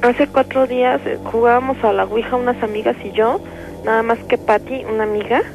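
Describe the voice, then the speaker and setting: A woman's voice: a little high, steady tone, fairly quick, music in the background. A young woman with a Mexican accent calling a radio show, pleading and frightened, over a muffled phone line. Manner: pleading, frightened, breaking into cries. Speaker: radio caller.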